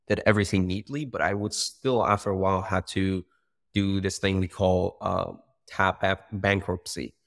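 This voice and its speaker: A young Iranian man, sounding like a startup founder telling his story, joins a casual interview as a video-call guest from a bright room by a window. His very low voice has a gravelly fry, and he speaks animatedly and loosely, with plenty of fillers and self-corrections.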